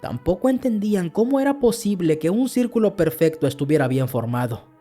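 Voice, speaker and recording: A man telling a first-person horror story as a podcast narrator, earnest and steady. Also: sits high, fairly quick, faint music behind.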